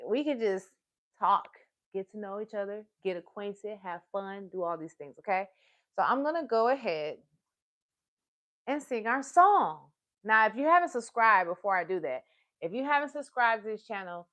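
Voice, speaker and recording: A woman with a mid-range voice hosts a live story time for children. She's excitable and encouraging, often repeats phrases, and calls her listeners her friends.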